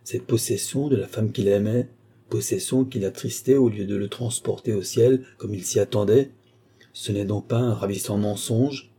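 An eager young peasant lad, read by a man, pleads earnestly in a raised voice. The tone stays dark and mellow, with a husky edge. It is the voice of a classic novel read aloud. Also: on the low side, fairly even intonation, normal speed. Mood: ardent.

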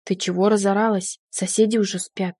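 A woman reading the lines of a calm, condescending husband who cheated on his wife, in an audiobook. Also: mid-range voice, fairly quick, slightly rough, dry recording, studio quality, lightly acted. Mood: smug. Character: unfaithful husband, middle-aged man, smug and dismissive.

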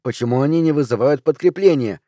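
Man narrating a tense thriller, dark voice. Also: medium pitch, animated, fast talker, no echo, clean studio sound. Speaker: audiobook narrator. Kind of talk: first-person thriller narration.

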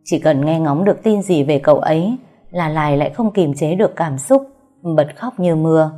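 A woman narrating a story in a steady, even manner. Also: low-pitched, moderate pace, soft background music.

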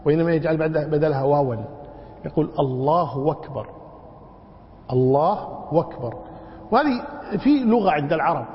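In a lesson on prayer, a male religious scholar with a slightly high voice teaches from a book. He shows mistaken pronunciations by stretching words out and chuckles through anecdotes, captured in a dull, lo-fi recording in a reverberant hall.

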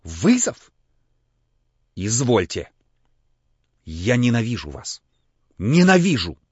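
A man reading an audiobook, voicing an overwrought young man who shouts in a high, cracking voice. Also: big pitch swings, unhurried, dry recording. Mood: hissing hatred. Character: hysterical young man, indignant, near breakdown. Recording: dull, dry lo-fi recording.

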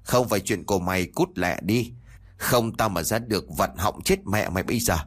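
A man voicing a vengeful spirit possessing a boy, snarling abuse in a husky voice. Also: lowish voice, moderate pace, lightly acted. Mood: abusive. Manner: snarling, abusive.

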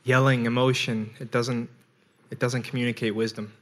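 A young man preaching a sermon in short, earnest phrases, pausing for his interpreter. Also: medium pitch, flat delivery.

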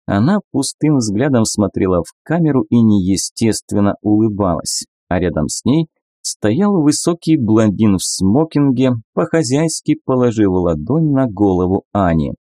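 Low, dark-voiced male audiobook narrator. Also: sing-song, measured pace, dry recording, clean studio sound. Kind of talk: audiobook narration of a sci-fi novel.

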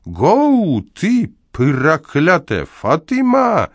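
A man voicing a hot-tempered neighbour who shouts gruffly at his horse in an audiobook. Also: a little high, wildly swooping pitch, drawn-out words, dry recording, voice pushed up, full character voice. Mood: yelling angrily.

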